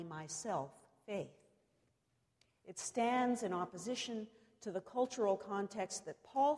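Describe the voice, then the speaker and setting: A woman preacher gives a cathedral sermon in a long, ringing reverb. Her delivery is slow and solemn, set out in short, deliberate phrases with pauses between them. Her voice sits at a medium pitch for a woman. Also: a little mellow. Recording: long reverberant echo of a large hall.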